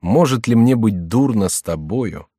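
A man's voice: fairly low pitch, animated, measured pace, warm tone, dry recording, clean studio sound. A man voicing an amorous young king, effusive and declamatory, in an audiobook reading. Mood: tender. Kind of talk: audiobook character voice.

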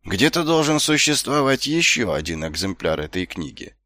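A man voicing a weary, gloomy middle-aged watch captain in an audiobook, talking slowly and tiredly. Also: big pitch swings, bright, forceful tone, no room sound, clean studio sound. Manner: slow, tired, low-spirited.

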